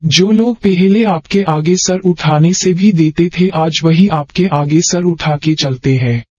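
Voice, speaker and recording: A man's voice: on the high side, slow pace, no room sound. Man voicing an angry proud mother of the house. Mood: bitter. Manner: scolding, sharp. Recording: dry, dull lo-fi.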